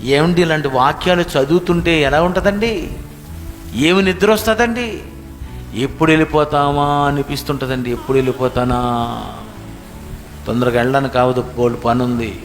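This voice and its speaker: Pastor preaching in an echoing hall. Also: male voice, on the high side, moderate pace, pauses often. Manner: emotional, rhetorical questions, swings between hushed and raised. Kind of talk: sermon. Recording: long hall reverb with faint music behind.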